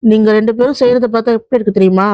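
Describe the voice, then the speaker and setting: A frank younger sister, read by a woman narrator scolds her older sister with blunt jokes. Her voice is fairly high. The recording is dry and close. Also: steady tone, racing, warm tone, dry recording, close to an everyday voice. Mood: teasing scolding.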